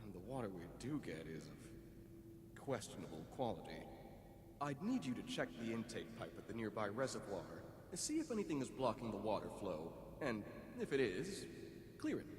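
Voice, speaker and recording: A man's voice: fairly low pitch, big pitch swings, normal speed, slight background noise. An actor playing a businesslike male vault deputy overseer in a video game, handing out tasks with dry skepticism, heard as echoey game audio. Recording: echoey game audio with long reverb and ambience.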